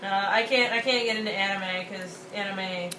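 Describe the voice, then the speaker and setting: A young woman co-hosting a casual rant, talking in a quick, excitable, exaggerated way. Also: medium pitch. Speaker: co-host. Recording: roomy, distant, noisy home recording.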